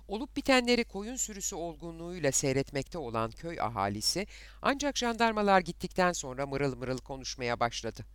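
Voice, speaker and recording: A man narrating a novel in a dramatic, expressive storytelling manner. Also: medium pitch, clean tone, no room sound.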